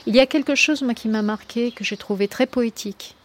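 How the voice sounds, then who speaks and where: A fairly high-pitched, brisk woman, a poet and flight attendant, answers interview questions reflectively. She searches for words and repeats phrases for emphasis against clear ambient noise.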